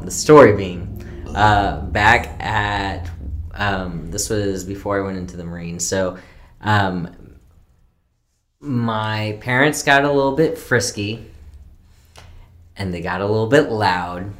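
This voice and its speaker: A young man co-hosting a podcast, chatting casually and telling rambling stories, laughing often and filling pauses with "um" and "like.". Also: lowish voice, fairly bright tone. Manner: laughing, rambling storyteller with many fillers. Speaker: podcast co-host. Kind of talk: casual chat.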